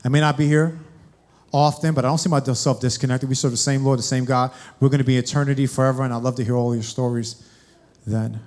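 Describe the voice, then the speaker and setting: A man's voice: medium pitch, steady tone, fast talker, a little mellow. A young man preaching a sermon, addressing the congregation directly with questions. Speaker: guest preacher.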